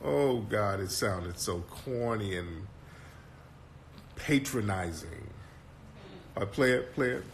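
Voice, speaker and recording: A man's voice: on the low side, animated, slow, long pauses, noisy background. A man hosting a casual commentary talk in a brash, mocking and profane way. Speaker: host.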